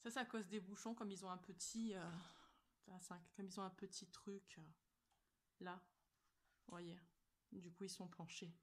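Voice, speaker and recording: A woman's voice: mid-range voice, steady tone, normal speed, long pauses, a little hiss or hum. A woman hosting a casual vlog, playful and teasing, often laughing as she talks. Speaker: video host.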